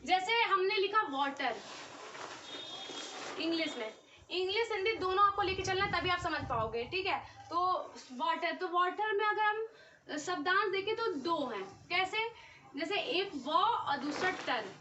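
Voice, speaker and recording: A woman's voice: very high voice, animated, a little slow, pushed and bright, a little hiss or hum. A young woman teaching an exam-prep lesson, explaining step by step and checking in often with the class. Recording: dull, slightly distant recording.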